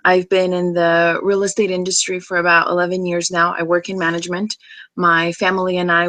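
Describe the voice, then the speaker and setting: A woman in her thirties, originally from Brazil, casually introduces herself to a class in a video, chatting with many ums and restarts. Her voice is fairly low in pitch with a fairly bright tone.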